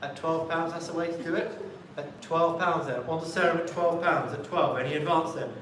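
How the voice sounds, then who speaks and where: A man's voice: a little high, steady tone, brisk, fairly bright tone. A man working as an auctioneer in a live sale, politely calling lots and repeating bids in a rhythmic chant. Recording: very echoey room, distant mic, faint noise.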